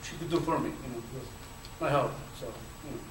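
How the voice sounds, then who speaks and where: On a panel in a lecture hall, a man from Chile tells his personal story in a mid-range voice, talking fast. He has a Chilean Spanish accent, stutters and relies on many fillers. The sound is echoey and distant, with a little noise.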